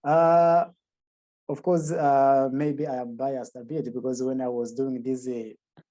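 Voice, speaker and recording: A young man with a Burundian accent gives an informal conference presentation in halting, non-native English. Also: mid-range voice, steady tone, mellow. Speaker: guest speaker presenting at a conference.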